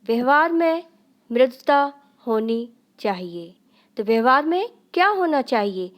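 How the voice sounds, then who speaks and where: A woman's voice: on the high side, very animated, measured pace. A woman teacher going through a Sanskrit grammar lesson step by step, asking questions and answering them herself. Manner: explains step by step, asks and answers her own questions.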